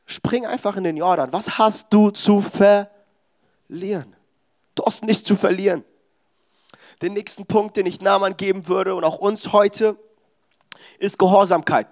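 A young man preaching a sermon, telling stories with quoted dialogue. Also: sits high. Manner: animated, storytelling with quoted dialogue.

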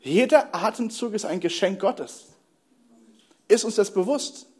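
A young adult man preaching a sermon as pastor, earnest, asking the congregation rhetorical questions and slowing down to stress key words. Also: high-pitched, expressive, darkish tone, breathy edge.

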